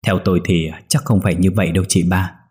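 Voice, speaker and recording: A man's voice: low voice, steady tone, fast, darkish tone, slightly rough. A man voicing an old village man, urgent and fatherly.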